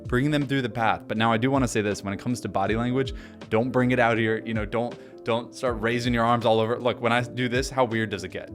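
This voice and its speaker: Energetic man teaching to camera. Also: fast talker, soft background music. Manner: energetic, emphatic, varies speed and pitch on purpose. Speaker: presenter teaching on-camera speaking. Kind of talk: instructional talk to camera.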